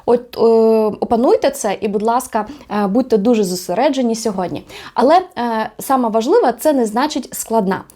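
Woman, a teacher with a slightly high voice, who repeats example words slowly and encourages her viewers. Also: mellow. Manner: slow careful repetition of example words; friendly, encouraging, with fillers. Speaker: language teacher. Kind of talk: video lesson.

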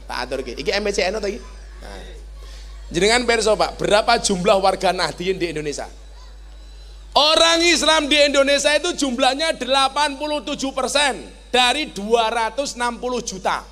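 A man with a Javanese accent preaching a sermon to a large gathering, animated, jumping between joking asides and shouted exhortations. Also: extremely high pitch, moderate pace, big-room sound.

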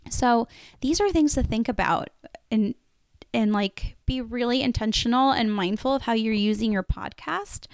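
A chatty woman hosts her own podcast, talking straight to the listener. Her voice sits a little high and sounds smooth and clear. It is recorded close and dry, with no room sound. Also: moderate pace, dry recording. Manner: chatty and conversational, with many fillers like "like" and "right?". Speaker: podcast host. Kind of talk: solo podcast monologue.

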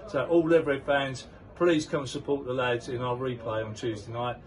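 An older man conducts a post-match interview with a player outdoors at a football ground, serving as club interviewer with a chatty, promotional style and leading questions. His voice is medium-pitched and steady, at a normal speed. He holds a handheld mic, the camera stands at a distance, and the recording carries crowd noise.

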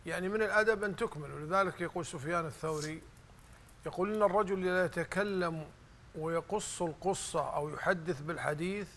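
A middle-aged man with a Saudi Gulf accent teaches conversationally. His voice is slightly high and crackles with fry, bright and forceful as he gives homely examples. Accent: Saudi Gulf Arabic. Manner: didactic, illustrates with acted-out examples. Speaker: guest sheikh. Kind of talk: conversational religious advice. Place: large indoor lounge, seated on sofa. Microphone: lapel.

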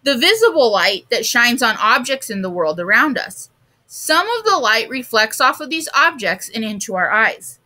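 Bright-voiced woman teacher reading aloud. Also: a little high, moderate pace. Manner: clear, expressive reading. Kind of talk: storybook read-aloud for a class.

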